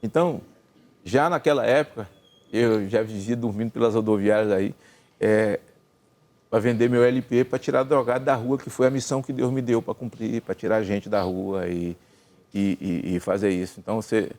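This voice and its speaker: An older Brazilian man telling a long personal story in casual chat, acting out the dialogue with lively swings in his voice. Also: on the low side, moderate pace. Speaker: gospel singer and senator telling a story.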